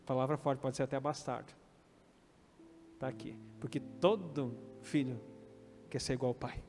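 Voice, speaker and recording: A man's voice: medium pitch, normal speed, a little mellow. A man with a Brazilian Portuguese accent preaching a sermon as pastor, acting out quoted lines and calling for amens. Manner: preaching with quoted dialogue and calls of amen. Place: church hall. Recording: reverberant hall with faint music.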